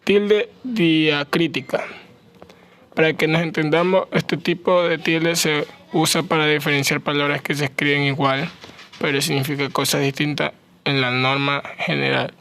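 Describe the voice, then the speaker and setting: A man's voice: on the high side, fairly even intonation, moderate pace, a bit bright. A young man, a student, reading a class presentation aloud, going carefully through lists of words. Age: young adult.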